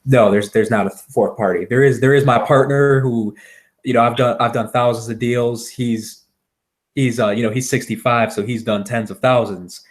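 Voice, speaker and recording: A man from Wisconsin with a Midwestern accent, talking through a sales pitch in a halting, agreeable way, repeating words as he goes. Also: fairly even intonation. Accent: American Upper Midwest. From Wisconsin, United States. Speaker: real estate seller pitching to a homeowner. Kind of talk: conversational phone sales call.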